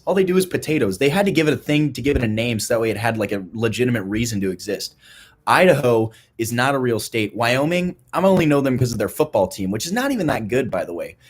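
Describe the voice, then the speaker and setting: A young man giving a playful, mock-serious talk to a youth group, rambling with restarts and a deadpan tone. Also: mid-range voice, fast talker, breathy edge. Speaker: youth ministry speaker.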